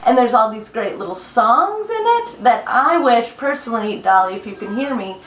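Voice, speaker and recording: A woman's voice: on the high side, very animated, moderate pace, a bit bright, a little hiss or hum. A woman chatting casually to camera, enthusiastically retelling a film. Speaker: web comedy group member. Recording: echoey room.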